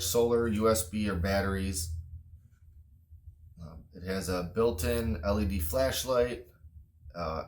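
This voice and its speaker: This is an unscripted, relaxed product review from a man whose voice sits low. There's a slight tentativeness to his matter-of-fact, understated way of speaking.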